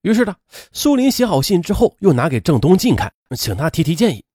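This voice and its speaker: Male storyteller, folksy, animated pitch, slightly high voice, dry. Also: husky, dry recording. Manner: lively, folksy, with drawn-out filler sounds. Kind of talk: storytelling narration.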